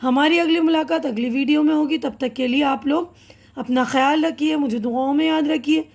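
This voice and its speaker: A woman's voice: sits high, steady tone, gravelly, darkish tone. A woman teacher explaining a lesson patiently, repeating words and meanings and mixing in English words.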